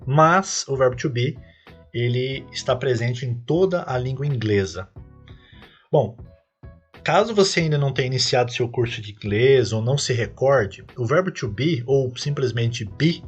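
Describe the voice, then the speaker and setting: Husky-voiced Brazilian teacher explaining patiently. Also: male voice, mid-range voice. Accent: Brazilian Portuguese. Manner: patient step-by-step explaining, lifting his voice on each English example phrase. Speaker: English teacher and podcast host. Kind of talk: podcast lesson.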